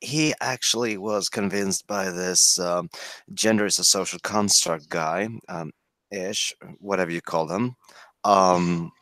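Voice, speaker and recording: A man's voice: sits low, a little slow, a bit bright, dry recording. A man from Sweden with a Swedish accent and Swedish as his first language, a guest talking hesitantly over a video call. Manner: hesitant, apologetic, with many fillers. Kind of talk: casual chat.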